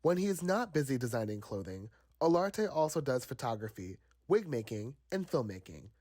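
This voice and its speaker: A man's voice: medium pitch, very animated, moderate pace, a little mellow, no room sound. A man narrating a short feature as a reporter, reading a script in an upbeat, promotional tone.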